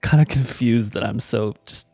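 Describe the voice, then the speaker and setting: A man co-hosting a casual spiritual chat, telling a story with laughter and sudden loud, high exclamations. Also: normal speed, slightly rough, no room sound, soft background music.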